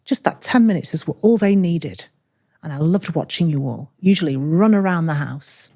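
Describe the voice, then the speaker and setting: A woman's voice: sits low, animated, mellow, dry recording, studio quality. Frank, reflective woman co-host. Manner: frank, reflective, speaks in short measured phrases. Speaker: podcast co-host. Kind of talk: candid personal conversation.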